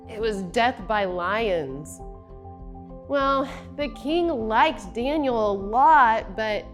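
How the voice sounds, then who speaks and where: A woman tells a Bible story for children at an unhurried pace, her slightly high voice rising and falling a lot. She stops to ask the kids questions, and music plays under her voice. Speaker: children's church narrator.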